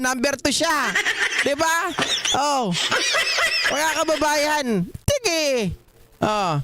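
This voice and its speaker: A man from the Philippines doing casual live commentary over clips, teasing and mocking with frequent laughter. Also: very high voice. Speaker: livestream political commentator. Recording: loud background noise.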